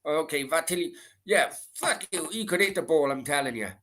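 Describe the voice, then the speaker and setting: Slight background noise sits under a middle-aged Merthyr man's a little high, animated voice, fairly quick and a bit bright. Chatting as a livestream host in a Welsh Valleys accent, he rambles through a late-night football Q and A, swearing and repeating himself.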